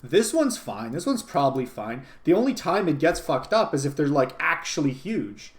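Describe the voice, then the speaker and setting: A man's voice: a little high, sing-song, moderate pace. Profane rambling male streamer. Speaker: streamer host. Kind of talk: casual stream commentary.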